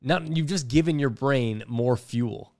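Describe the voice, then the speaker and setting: A man's voice: mid-range voice, measured pace, darkish tone, no echo, clean studio sound. A man in his thirties co-hosting a podcast, talking in a candid, self-deprecating way with the odd casual swear. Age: 30s. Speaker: podcast co-host. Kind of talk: casual reflective chat.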